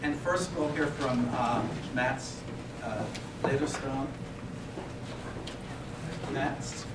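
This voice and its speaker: A man hosting an event, reading a formal, prepared welcome speech in measured, scholarly phrasing. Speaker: host introducing an exhibition and artists. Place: reverberant room at a public event. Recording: very echoey, distant mic, rumbling noise.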